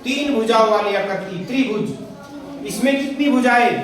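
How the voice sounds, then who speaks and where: A man's voice: very high voice, normal speed, a crowd in the background. Male teacher quizzing pupils in an echoey classroom. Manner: call-and-response questioning, repeating answers. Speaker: primary school teacher. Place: school classroom. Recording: very echoey classroom, far from mic, noisy.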